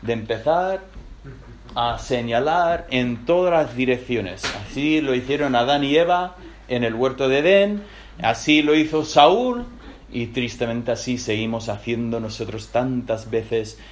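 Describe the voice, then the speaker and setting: A man with a Spain Spanish accent preaching a sermon as a lively storyteller, swinging between loud and hushed. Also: mid-range voice, unhurried, a little hiss or hum.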